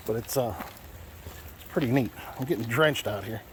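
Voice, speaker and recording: In a handheld outdoor video with clear background noise, an American vlogger walks through his truck radio install in and around his parked truck. His medium-pitched voice moves at normal speed, and his casual, unscripted talk is folksy and rambling, often repeating itself.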